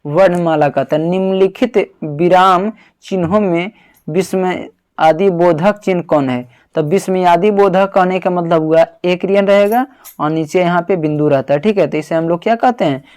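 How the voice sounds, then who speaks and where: A teacher leads an exam-prep grammar lesson, quizzing students by posing a question himself and then repeating the answer. His voice is high and darkish at a normal pace, and he sounds out syllables while calling the listener "babu."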